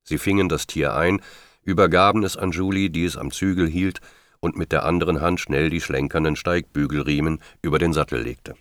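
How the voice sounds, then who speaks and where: Deep-voiced male audiobook narrator. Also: fairly even intonation, a little fast, no room sound, studio quality. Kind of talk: scripted narration.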